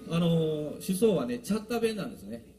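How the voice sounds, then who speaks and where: Man with a banshu accent, chatty rambling band leader, lively pitch, guitar behind, live outdoor recording. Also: fairly quick. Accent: Kansai, Banshu dialect. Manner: chatty, rambling, mimics local dialect. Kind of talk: casual stage talk at a live show. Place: outdoor park stage.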